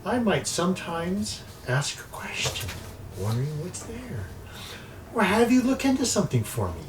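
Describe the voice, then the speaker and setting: A man voicing an imperious, mocking shapeshifting sorceress who talks in drawn-out, teasing threats. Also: sits high, sing-song, distant mic, noisy background, pitched above the performer's own voice. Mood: haughty menace. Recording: mic set back, faint music.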